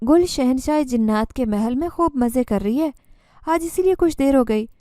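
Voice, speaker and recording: A gentle guardian jinn, as a woman narrator puts him on, reassuring and measured, in a fairly high, soft, mellow voice. The recording is dry and close, with no room sound. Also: animated, dry recording. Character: calm, protective male jinn guardian.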